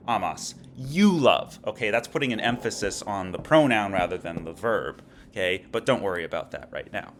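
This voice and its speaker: A man with a fairly low voice is teaching a lecture. He explains step by step and keeps pausing to ask "okay?" before moving on. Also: a bit bright. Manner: explanatory, frequent "okay?" check-ins. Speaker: Latin teacher. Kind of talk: recorded lecture.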